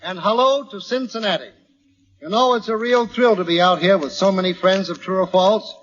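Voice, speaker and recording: Jovial American male quiz host, high voice, vintage radio, echoing hall. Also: moderate pace, a bit bright. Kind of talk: 1940s radio quiz show hosting. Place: large hall at a live radio broadcast. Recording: dull old radio recording, hall reverb, hiss.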